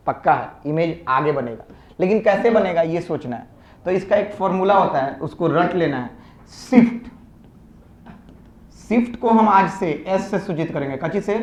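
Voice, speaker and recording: A man teaching physics in a classroom, coaxing students with repeated questions. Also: high-pitched. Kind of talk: classroom lecture. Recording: echoey room, dull lo-fi sound.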